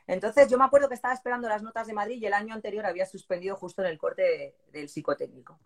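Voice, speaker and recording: A woman in her forties from southern Spain, telling an interviewer her personal story with strong feeling and lively quoted voices. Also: mid-range voice, rapid-fire. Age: 40s. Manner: animated, moved, voicing people in her story. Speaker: interviewee, police exam candidate.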